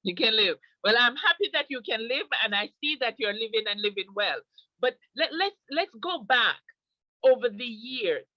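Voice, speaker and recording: A woman's voice: a little high, expressive, normal speed, no room sound. Woman interviewer summing up answers. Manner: recaps and summarizes the guest's answers. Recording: dull lo-fi sound.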